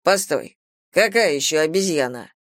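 A woman voicing a stern middle-aged male police captain in an audiobook, speaking slowly and deliberately. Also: low-pitched, lively intonation, no echo. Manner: dry, slow, deliberate. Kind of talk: audiobook character voice.

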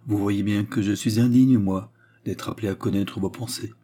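A man's voice: on the low side, fairly even intonation, normal speed, dark tone. A man reading as a grave, sad nobleman. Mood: apologetic. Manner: grave, earnest, solemn. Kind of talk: audiobook reading of a novel.

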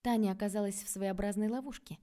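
A woman reading an audiobook aloud in a calm, even storytelling manner. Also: medium pitch, fast. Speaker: audiobook narrator. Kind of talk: scripted narration.

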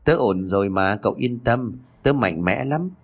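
A man's voice: lowish voice, animated, normal speed. A man reading as a shy, modest schoolgirl.

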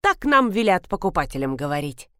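A woman voicing a grumpy, half-deaf elderly woman pharmacist who scolds loudly and demands people speak up. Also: fairly low pitch, sing-song, a little fast, dry recording, studio quality. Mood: scolding.

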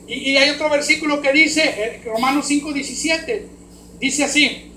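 A man with a Mexican accent preaching a sermon as pastor, swinging from hushed words to loud, emphatic ones. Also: very high-pitched, moderate pace. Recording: roomy hall echo, faint background noise.

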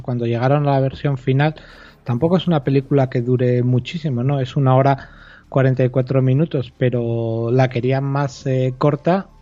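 A man with a dark, mellow voice, talking through film history in a relaxed podcast chat. He explains patiently, often stumbling over repeated words as he thinks. The sound is dry and a little dull, like a modest home mic. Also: mid-range voice, no room sound. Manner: thoughtful, explanatory, repeats words while searching. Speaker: podcast co-host discussing film.

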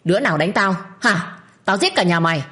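A woman's voice: lowish voice, lively intonation, unhurried, soft background music. A woman voicing a rude, hot-tempered young woman who curses and talks back. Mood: furious. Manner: insolent, cursing.

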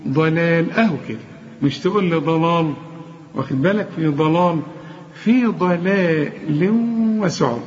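A man's voice: a little high, animated, normal speed, pauses often, big-room sound, dull audio. An Egyptian man teaching Quran recitation, correcting mistakes and chanting each example. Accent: Egyptian Arabic. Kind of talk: tajweed lesson.

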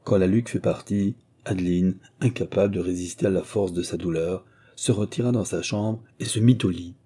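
A man narrating a classic novel as an audiobook, reading in a measured, steady way. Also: low voice, breathy edge.

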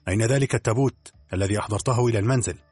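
A man's voice: fairly low pitch, rapid-fire, darkish tone, husky, no echo, soft background music. A man reading an audiobook, voicing a bold male detective who speaks decisively and commandingly.

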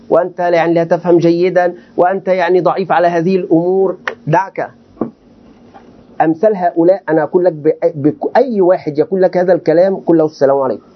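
A sheikh teaching a class with a high, quick voice, firing questions at his students and answering them himself. The recording sounds dull and lo-fi. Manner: animated, questioning students rhetorically. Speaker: sheikh teaching Quranic commentary. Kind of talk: classroom lecture.

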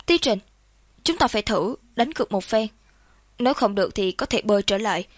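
A woman voicing an anxious young friend in an audiobook, explaining things in a hurried, urgent way. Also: medium pitch, expressive, no echo, studio quality, lightly acted. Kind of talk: audiobook character reading.

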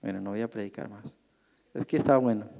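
A man's voice: lowish voice, fairly quick, gravelly, dark tone, big-room sound. A male pastor teaching a Bible class in a conversational way, asking the group questions and acting out the voices he quotes.

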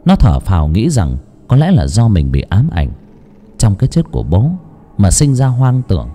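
A man's voice: lowish voice, huge pitch swings, normal speed, mellow. A man narrating a horror audiobook in a suspenseful, dramatic way.

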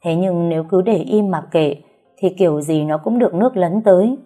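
A woman narrating a story in the first person, calm and even. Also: fairly low pitch, moderate pace, soft background music.

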